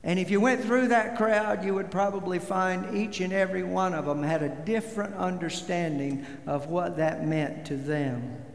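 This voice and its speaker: A man preaching a sermon as pastor, slow and deliberate, leaning hard on key words. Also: high voice, gravelly. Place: church sanctuary. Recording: echoey hall with long reverb.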